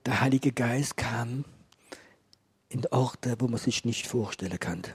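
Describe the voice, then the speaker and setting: Husky man preaching a testimony. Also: mid-range voice, a little slow. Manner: storytelling, acting out dialogue. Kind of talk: testimony sermon to a live audience. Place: room with a gathered audience.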